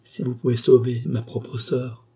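Young working girl, frightened, pleading, man putting her on, dark husky tone. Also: medium pitch, measured pace, voice pushed up. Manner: pleading, breathless.

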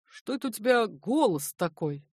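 A woman reading the part of a practical merchant man who gives brisk orders. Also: medium pitch, sing-song, no room sound, studio quality.

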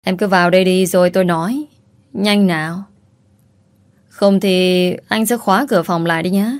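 A woman's voice: on the low side, fairly even intonation, moderate pace, no room sound, studio quality, close to an everyday voice. A woman voicing a brutal, abusive ex-husband, coarse and threatening. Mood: leering.

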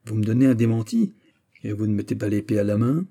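Casting: male reader doing a sneering young courtier with a dark, husky voice, mocking then exasperated. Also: lowish voice, animated, fast.

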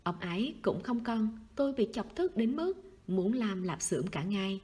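Woman voicing a soft wistful schoolboy. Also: big pitch swings, moderate pace, breathy edge. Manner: soft, low-key, sighing. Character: wistful teenage schoolboy, quiet and clingy.

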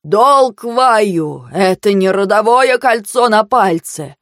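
A woman voicing a stern old male mentor who lectures and shouts in anger. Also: fairly low pitch, unhurried, dry recording, clean studio sound. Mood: shouting.

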